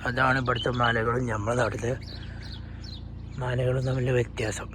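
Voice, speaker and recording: A man's voice: medium pitch, flat delivery, moderate pace. A man with a Malayali accent chatting casually for an outdoor travel vlog, mixing English words into his Malayalam. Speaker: vlogger. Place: outdoors in the open. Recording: noisy outdoor recording with animal and vehicle sounds.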